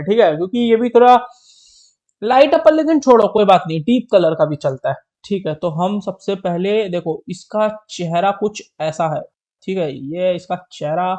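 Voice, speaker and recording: A man's voice: high voice, darkish tone, lo-fi sound. A young man narrating a comedic drawing tutorial in a playful, self-mocking way, drawing out little sounds as he sketches. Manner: playful, self-mocking, repeats "ठीक है" and drawn-out "you". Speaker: drawing video creator.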